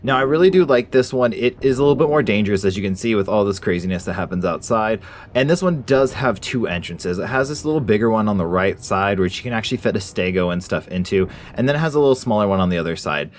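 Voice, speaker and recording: A man's voice: fairly low pitch, lively intonation, fast. A man hosting a gaming channel, giving a casual, informal top ten countdown style commentary on ranked entries. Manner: informal, folksy phrasing.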